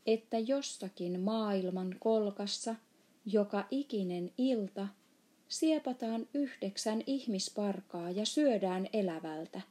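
A woman's voice: mid-range voice, dark tone, lightly acted. A woman voicing a curious, earnest little girl in a storybook reading. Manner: questioning, earnest.

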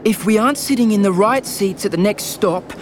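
A man's voice: sits high, a little fast, close to an everyday voice. Man as an earnest young racer, noisy surroundings. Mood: organised. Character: street-smart young male racer, anxious but organised. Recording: clear background noise, outdoor ambience.

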